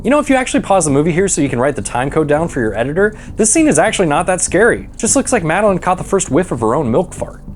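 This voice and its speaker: Male recap host, sarcastic and irreverent, very varied intonation, comedic scripted narration with music underneath. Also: on the high side. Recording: music behind the voice. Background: background music.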